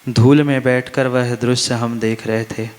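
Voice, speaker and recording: A man's voice: medium pitch, flat delivery, measured pace, darkish tone. A man preaching a sermon as a monk, emphatic, repeating phrases and asking his listeners questions. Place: large hall at a religious festival. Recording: long reverb of a large hall.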